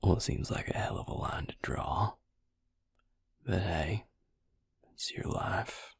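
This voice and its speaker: A man plays a wry, protective male vampire for an intimate audio roleplay, his voice low, slow, and gravelly, sinking into a husky, heavily fried, breathy near-whisper. Exasperated yet intimate, he talks straight to the listener in a dry, cramped space without any room sound. It's a full character voice, and the tone is wry and probing.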